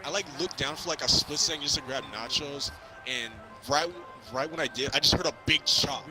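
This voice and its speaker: A young man co-hosting a movie review chat rambles and stammers through spoiler-filled stories in slangy speech. His voice is fairly high and fairly quick, with music behind him on a low-quality recording.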